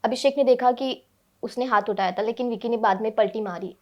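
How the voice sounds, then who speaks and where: A woman's voice: a little high, brisk. A woman interviewing a guest, asking questions with hesitant fillers between phrases.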